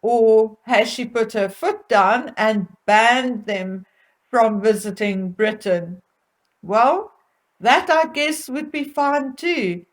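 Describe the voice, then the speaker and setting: A woman's voice: on the high side, slow pace. A woman hosting gossip commentary in a catty, mocking manner, with arch asides and rhetorical questions put to listeners. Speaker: host of a royal gossip commentary.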